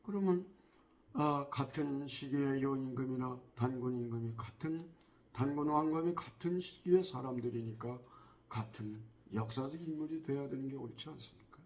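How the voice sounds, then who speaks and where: A man giving a spoken history lecture in a measured way, often pausing on drawn-out fillers and asking the listeners rhetorical questions. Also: mid-range voice, a little mellow.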